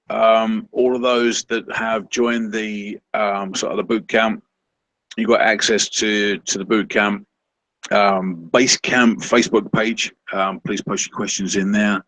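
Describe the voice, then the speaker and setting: A man co-hosting a casual online coaching call, talking in halting bursts full of ums and restarts. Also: on the low side, level tone, fairly bright tone, no room sound, poor audio. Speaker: co-host of a seller coaching webinar.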